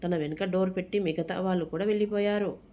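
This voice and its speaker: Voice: medium pitch, steady tone, quick pace, warm tone. A storyteller reading a dramatic storybook tale aloud. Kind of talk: scripted storybook narration.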